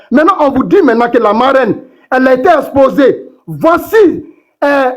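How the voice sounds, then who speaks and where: A man with a strikingly high voice comments on a live-stream panel. His delivery is emphatic and repetitive, and his sentences are padded with fillers as he pushes his point. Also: muffled recording.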